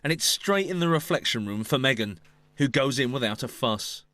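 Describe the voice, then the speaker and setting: A man with a British accent giving scripted documentary narration in a measured, storytelling way. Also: medium pitch, expressive, very noisy. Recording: music under the voice.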